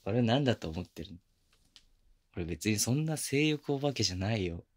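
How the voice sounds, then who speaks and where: Low, breathy boyfriend played by a man, ASMR role-play. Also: expressive, moderate pace. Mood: playful teasing. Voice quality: breathy, gravelly. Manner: intimate, teasing, softly murmured. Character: teasing, affectionate young adult boyfriend in pillow talk. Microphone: very close binaural microphone, dry.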